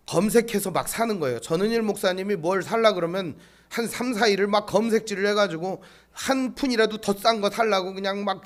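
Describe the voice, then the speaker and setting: A male pastor delivers a sermon in a strikingly high, bright voice. His pitch leaps and swoops as he tells lively stories and throws rhetorical questions at the congregation. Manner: animated storytelling with rhetorical questions. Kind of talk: sermon with storytelling.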